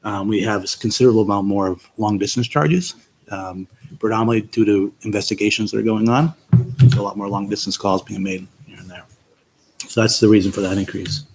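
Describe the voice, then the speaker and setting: A man's voice: fairly low pitch, steady tone, a little fast, a little mellow, poor audio. A man, a town IT director, methodically walking a committee through budget line items with frequent ums, in a meeting recording with faint noise.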